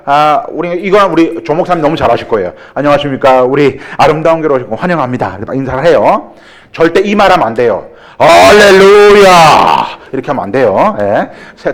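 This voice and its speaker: Animated jokey pastor, lively pitch. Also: male voice. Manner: animated, jokey, acts out greetings and dialogue. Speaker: guest pastor leading a church growth seminar. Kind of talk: seminar-style sermon with acted examples and jokes. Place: church sanctuary.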